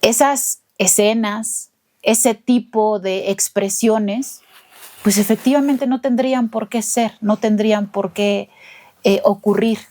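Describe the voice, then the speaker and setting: A woman interviewing a guest about her testimony, measured and deliberate. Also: mid-range voice, fairly even intonation, dark tone. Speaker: interviewer, lawyer. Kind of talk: empathetic interview commentary.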